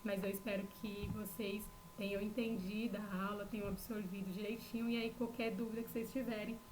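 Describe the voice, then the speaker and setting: Casting: Brazilian woman teacher, mid-pitched, cracked hoarse rhinitis voice, informal halting lecture, noisy recording with hum. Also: little pitch movement. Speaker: biology teacher.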